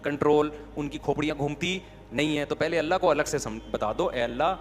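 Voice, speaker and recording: A man's voice: a little high, long reverb tail. A man giving a conversational religious sermon, often asking his listeners questions. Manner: conversational, asks the audience questions. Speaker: religious preacher. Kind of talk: Urdu sermon.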